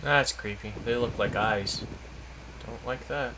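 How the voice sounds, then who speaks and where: A man's voice: mid-range voice, measured pace, noisy background. A man hosting a let's play, thinking aloud and unsure in his gameplay commentary.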